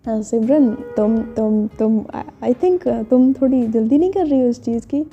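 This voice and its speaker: A woman's voice: a little high, unhurried, muffled recording, soft background music. Woman voicing a stammering nervous young woman. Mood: flustered. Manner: stammers and repeats words.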